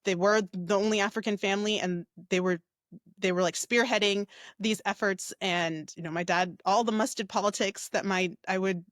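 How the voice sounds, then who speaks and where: A woman's voice: mid-range voice, steady tone, moderate pace, fairly bright tone, no echo, studio quality. A woman raised in the United States, a mindset coach, talking in a casual, reflective way about her upbringing, with many fillers and tag questions. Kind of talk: casual interview talk.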